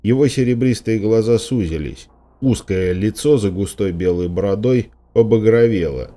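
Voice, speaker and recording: A man reading a first-person story aloud as an audiobook narrator, steady and dramatic. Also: fairly low pitch, moderate pace. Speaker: audiobook reader.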